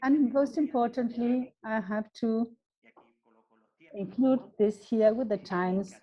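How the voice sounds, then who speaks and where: A woman giving a technical presentation in a measured, step-by-step way, interpreting for the speaker. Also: a little high. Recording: dull lo-fi webinar audio.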